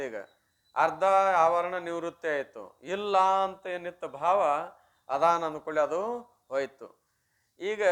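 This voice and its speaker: A man with a fairly high voice gives a religious discourse in a North Karnataka Kannada accent. He tells a teaching story in a homely, conversational way. He often throws questions to the listeners and then answers them himself. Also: a bit bright. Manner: acts out the story's dialogue. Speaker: swami giving a religious discourse.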